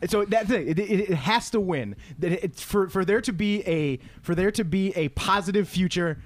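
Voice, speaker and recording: A young man chats on a podcast in a slightly high voice, rambling and restarting as he gets excited. He laughs often and keeps the talk casual. The sound is dry and close, with no room echo. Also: normal speed. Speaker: podcast co-host. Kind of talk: casual chat.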